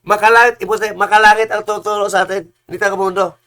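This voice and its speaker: Combative high-pitched preacher. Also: male voice, level tone, quick pace. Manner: combative, repetitive, bursts into shouted insults. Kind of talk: heated preaching rant.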